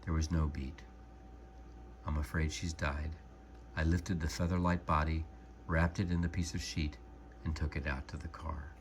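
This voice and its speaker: A man calmly and gently reading a storybook aloud as narrator. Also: very deep voice, slight background noise. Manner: calm, gentle, measured narration.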